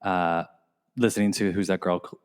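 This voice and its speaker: A man's voice: sits low, steady tone, normal speed, smooth. A man co-hosting a podcast in casual chat, with a playful, teasing way of talking. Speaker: podcast co-host.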